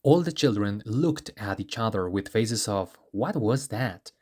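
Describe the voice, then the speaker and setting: A man reading a children's story aloud as narrator, in a steady, expressive manner. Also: lowish voice, measured pace, husky. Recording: music playing underneath.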